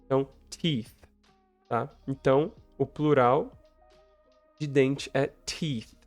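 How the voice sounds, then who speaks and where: A man's voice: medium pitch, slow, no room sound, faint music behind. A man teaching English, reading story lines aloud and translating them, often checking in with the viewer. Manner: frequent tag questions to the viewer. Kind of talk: explaining a story for learners.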